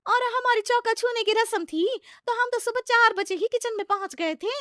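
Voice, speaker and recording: A cheeky young bride from a cartoon story, voiced by a woman with a very high, bright voice. She talks eagerly and wheedles, and the recording is dry and close. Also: moderate pace, no echo. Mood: boastful. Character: young newlywed daughter-in-law, bright and cheeky.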